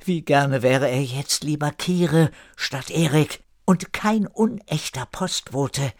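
A man reading an audiobook, narrating a story in a slow, expressive way. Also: on the high side, no echo, studio quality. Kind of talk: scripted narration.

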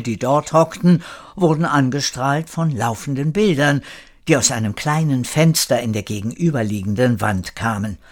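A man reading a children's story aloud in a calm, measured way. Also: medium pitch. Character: old parrot narrator recalling the past. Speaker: narrator.

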